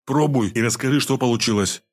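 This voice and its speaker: A man's voice: medium pitch, brisk, close to an everyday voice. A man voicing a shrewd healer of a gang who gives curt, hissing orders. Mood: businesslike.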